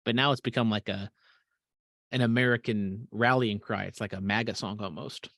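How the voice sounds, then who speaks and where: A man's voice: lowish voice, steady tone, moderate pace, a bit bright, no room sound, clean studio sound. A man co-hosting a podcast, chatting casually and swearing freely, often trailing off into mumbles. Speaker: podcast co-host. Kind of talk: casual chat.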